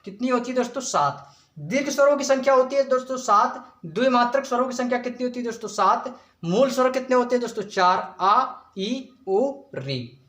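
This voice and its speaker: High-voiced male teacher in an echoey room. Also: animated, a little fast, a bit bright. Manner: asks the class a question and answers it himself, says "friends" constantly. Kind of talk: exam-prep lesson.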